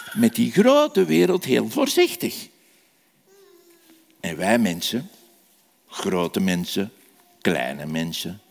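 A man tells a story to children as a sermon and keeps asking them questions. His voice is high, lively and gravelly, and he speaks slowly. A long echo hangs on every word. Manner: animated, asks the children questions. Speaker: children's preacher. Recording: echoey hall reverb.

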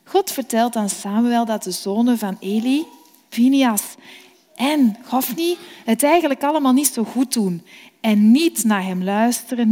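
A woman telling a children's Bible story gently and expressively. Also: a little high. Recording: long reverb.

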